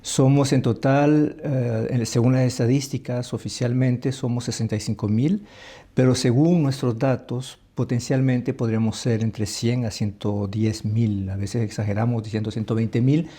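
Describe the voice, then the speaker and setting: A man from El Salvador, an ambassador, talking in an interview in a thoughtful, halting way with many restarts. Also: mid-range voice, fairly even intonation, mellow. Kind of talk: conversational interview.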